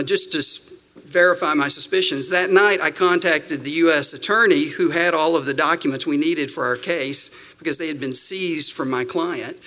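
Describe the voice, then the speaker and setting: A man's voice: a little high, pushed and bright, low-quality recording. A middle-aged male attorney giving a conversational advice talk to young lawyers, emphatic with wry asides.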